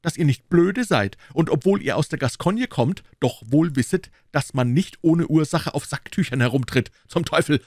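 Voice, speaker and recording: A man's voice: a little high, lively intonation, moderate pace, hardly any pauses, a little mellow, no room sound, clean studio sound, pitched above the performer's own voice. A man voicing a cold, haughty young male musketeer with icy, disdainful courtesy in an audiobook reading. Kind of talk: audiobook character voice.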